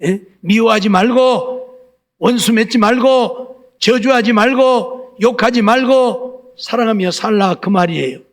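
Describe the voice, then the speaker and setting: Male pastor with a high voice, preaching with folksy, question-heavy exhortation. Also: measured pace. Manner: folksy, exhorting, with constant rhetorical questions to the congregation. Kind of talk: Sunday sermon.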